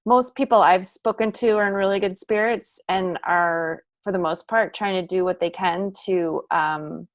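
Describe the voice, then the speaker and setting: A woman's voice: lowish voice, normal speed, few pauses, no room sound. A woman council member giving a friendly, chatty report over a video call. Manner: friendly, light laughs between remarks.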